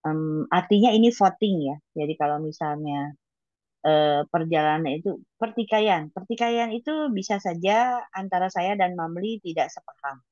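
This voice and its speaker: A woman giving an informal devotional teaching to colleagues, in a blunt and habitually loud, high-toned manner. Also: normal speed, no echo, highs cut off. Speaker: devotional reading leader.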